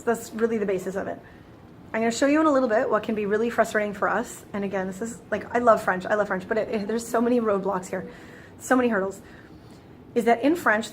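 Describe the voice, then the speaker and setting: Woman teacher, kinda high voice, chatty and casual, restarts a lot, faint background hum. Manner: chatty, restarts phrases, explains step by step. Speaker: French teacher. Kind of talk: casual explanatory lesson.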